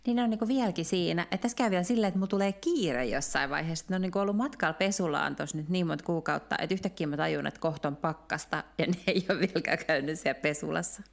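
A woman co-hosting a casual podcast chat, telling everyday stories in a conversational, animated way. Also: on the low side, gravelly, few pauses. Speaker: podcast co-host.

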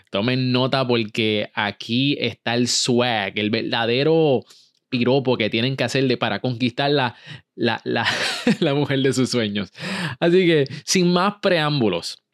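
A man's voice: medium pitch, fairly bright tone, dry recording. An upbeat man hosts a podcast interview, slipping English words into his talk. The sound is close and dry, with almost no room. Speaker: podcast host.

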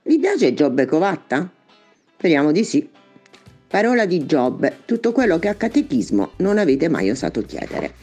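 Woman from Rome, low lively comic storyteller. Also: moderate pace, husky, soft background music. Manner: playful, dramatic narration. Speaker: podcast contributor.

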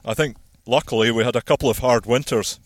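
Male farmer, outdoor walk-and-talk, measured, practical explainer, slightly winded. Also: medium pitch, dry recording. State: slightly out of breath. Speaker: farmer and landowner. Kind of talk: walking outdoor conversation. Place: outdoors on a hillside plantation.

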